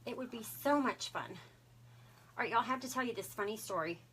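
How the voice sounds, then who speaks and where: A woman with a Texan accent hosting a craft livestream from her home, chatting casually with viewers, bubbly and quick to laugh. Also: a little high, lively intonation, a bit bright, breathy edge. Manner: chatty and bubbly, saying y'all often and laughing a lot. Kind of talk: casual live-stream chat with viewers.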